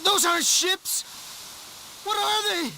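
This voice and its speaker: A frantic station officer yells over a crackling radio transmission, his voice driven very high with panic. A faint hiss sits under the transmitted call, and the tone is sharp and piercing. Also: slow pace, creaky, exaggerated voice. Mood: panicked. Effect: distress call over a radio transmission. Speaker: station officer calling for help.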